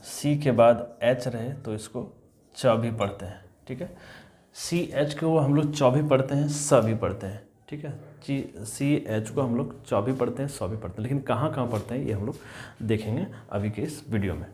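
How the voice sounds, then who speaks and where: A man's voice: medium pitch, moderate pace, warm tone. A male English teacher walks students through spelling rules. He spells words out letter by letter, then says them whole, and repeats every rule several times. He keeps checking in with his young learners. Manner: addresses students as children, checks in with "is that clear". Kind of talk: spelling and pronunciation lesson.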